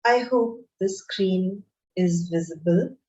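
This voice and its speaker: A woman lecturer teaching an online class in a slow, deliberate, explanatory way. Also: medium pitch, warm tone, slight background noise. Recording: roomy, dull lo-fi screen-share recording.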